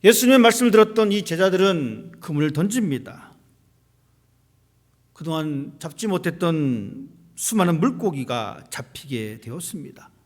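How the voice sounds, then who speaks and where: High, lively-voiced male pastor preaching. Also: normal speed. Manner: preaching with rhetorical questions to the congregation. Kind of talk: sermon. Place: church sanctuary. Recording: long hall reverb.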